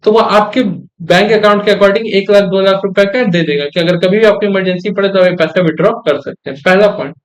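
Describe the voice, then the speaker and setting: High-voiced male teacher quizzing his class. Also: fairly quick. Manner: asks the class frequent check questions; repeats key terms for emphasis. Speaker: commerce teacher. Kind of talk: classroom lecture.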